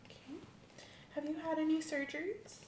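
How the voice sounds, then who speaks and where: A woman's natural voice sits high, above her own pitch, steady and darkish at normal speed, as she plays a courteous, reassuring female doctor doing an ASMR checkup. Calm and attentive, she asks methodical questions in a polite, professional manner. Faint background noise accompanies a roomy sound.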